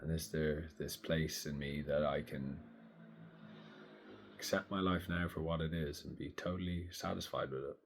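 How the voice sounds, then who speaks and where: A man in his thirties speaking slowly and thoughtfully in a reflective personal monologue. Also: very deep voice, steady tone. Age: 30s. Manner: slow, thoughtful, soft-spoken. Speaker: vlogger.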